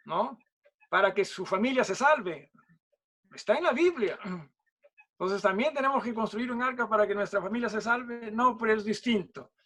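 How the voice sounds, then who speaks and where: A man's voice: extremely high pitch, fairly bright tone. A man with a Peruvian accent, a pastor leading a conversational Bible study who keeps checking in with "¿no?" and "¿sí?" and throws in small jokes. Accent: Peruvian Spanish. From Peru. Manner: chatty, asks "¿no?" and "¿sí?" after nearly every phrase, jokes.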